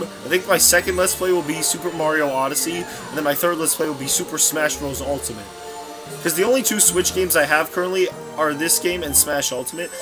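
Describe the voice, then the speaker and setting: A young man giving casual, rambling commentary while playing a racing game, often correcting himself mid-sentence. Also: on the high side. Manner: rambling, scatterbrained, self-correcting. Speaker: let's play commentator. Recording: game music playing behind.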